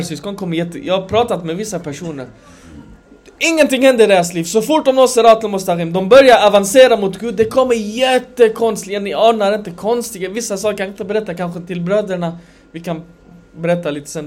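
A man giving a conversational sermon to a gathering, animated, swinging between loud emphasis and quiet asides. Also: sits high. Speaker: religious lecturer.

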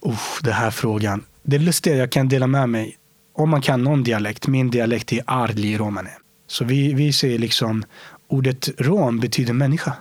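A man being interviewed, talking earnestly and reflectively, often sinking to a soft whisper to stress a point. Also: medium pitch, no room sound. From Sweden. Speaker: interview guest.

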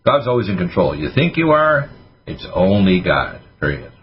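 A man hosting a radio call-in show, giving health advice in a rapid, hyper way. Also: low voice, very animated, slightly rough. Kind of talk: casual radio call-in talk. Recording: dull lo-fi radio audio with faint hiss.

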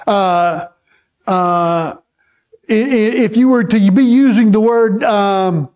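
A man preaching a sermon, teaching slowly and checking in with the congregation as he goes. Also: high-pitched, a little mellow. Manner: slow, repetitive, checks in with the congregation. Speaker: pastor.

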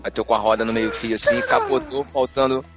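Fast-talking man telling a story. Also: mid-range voice, music in the background. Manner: animated, laughs often, repeats words. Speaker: podcast co-host. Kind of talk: casual storytelling chat.

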